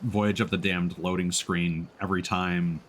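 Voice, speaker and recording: He speaks at a measured pace in a low, level voice with a fairly bright tone. He's a game streamer voicing his thoughts during casual live commentary, with faint game sounds in the background.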